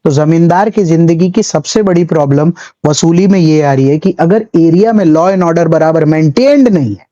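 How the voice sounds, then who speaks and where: A man's voice: a little high, normal speed, hardly any pauses, warm tone, lo-fi sound. A man teaching history in a chatty lecture, telling little stories and mixing English terms into his talk. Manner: chatty storytelling, acts out little scenes; mixes English terms into speech. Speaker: civil services exam history teacher. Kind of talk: classroom lecture.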